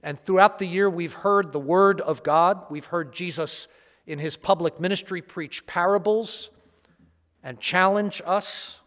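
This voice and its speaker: Male priest, somewhat higher-pitched, solemn homily and scripture delivery, heard with long cathedral-style reverberation. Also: measured pace, a bit bright. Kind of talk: liturgical reading and homily. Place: large reverberant church during Mass.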